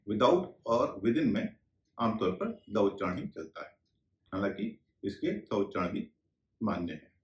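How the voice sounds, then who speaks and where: A man teaching English pronunciation in a video class, slowly spelling out words letter by letter and repeating example words. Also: fairly low pitch, reverberant.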